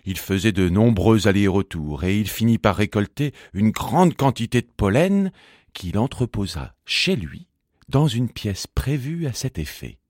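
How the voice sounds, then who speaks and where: A man narrating a children's storybook in an expressive, singsong manner. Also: lowish voice, a little slow, no echo, clean studio sound.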